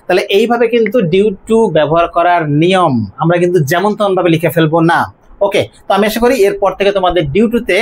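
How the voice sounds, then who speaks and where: Teacher drilling pronunciation. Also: mid-range voice. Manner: repeats words slowly and deliberately to drill pronunciation; poses questions to the viewer, then answers them. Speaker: English teacher. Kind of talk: online grammar and pronunciation lesson.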